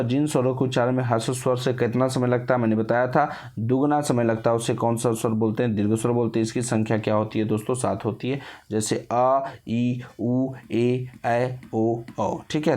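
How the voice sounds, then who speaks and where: सवाल पूछकर खुद जवाब देने वाला हिंदी शिक्षक, पुरुष. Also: male voice, medium pitch, steady tone, fast, hardly any pauses, darkish tone. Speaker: teacher. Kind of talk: exam-prep lesson.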